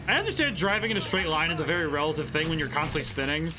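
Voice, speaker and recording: A man giving excited, bemused, exclamatory commentary while playing a video game. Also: fairly high pitch, racing. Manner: exclamatory, reacts aloud with ows and laughs. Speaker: game streamer, game designer. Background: game music.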